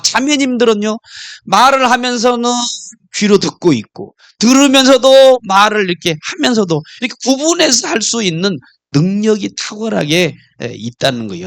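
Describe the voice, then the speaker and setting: A man preaching a sermon as pastor, telling stories in an animated way and acting out couples' quarrels. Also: sits high, dry recording, studio quality.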